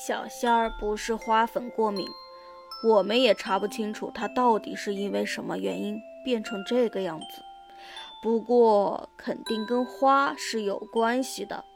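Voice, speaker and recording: Woman doing a calm serious doctor. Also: mid-range voice, a little slow, vocal fry, music in the background, voice pushed down. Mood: grave.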